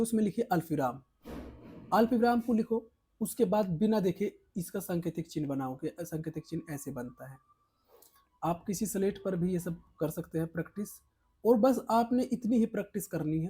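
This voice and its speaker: Dark husky-voiced male Hindi exam tutor. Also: sits high. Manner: emphatic, coaxing, repeats points with rising and falling stress. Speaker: teacher. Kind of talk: exam prep lesson.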